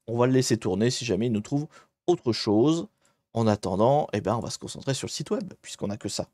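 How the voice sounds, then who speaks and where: A man with a medium-pitched, darkish voice chats his way through a hacking challenge on a live stream. His commentary is casual and meandering, and he regularly cuts himself off to rephrase mid-sentence.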